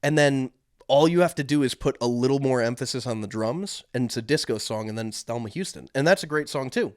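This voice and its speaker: A man's voice: medium pitch, fairly quick, a little mellow, clean tone, no echo, clean studio sound. A young man co-hosting a podcast, telling stories in a rambling way with lots of fillers. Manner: rambling, filler-heavy storytelling. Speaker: podcast co-host. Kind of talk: casual chat.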